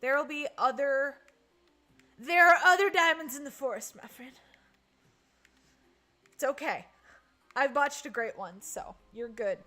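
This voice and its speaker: A woman's voice: sits high, measured pace, long pauses, pushed and bright, soft background music. Chatty woman streaming a hunting game. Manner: chatty, answers chat, sighs and groans. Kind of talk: casual live-stream chat.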